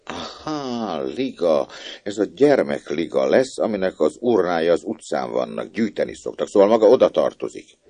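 A kindly young gentleman asks gentle, curious questions, as a man reads him. The voice is very deep and gravelly, with a lively, lilting melody. It is dry and close. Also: no echo, exaggerated voice.

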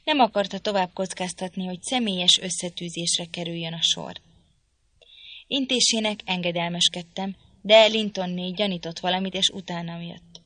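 Bright-toned woman reading a novel aloud. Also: lowish voice, no echo. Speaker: audiobook reader. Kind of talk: literary audiobook narration.

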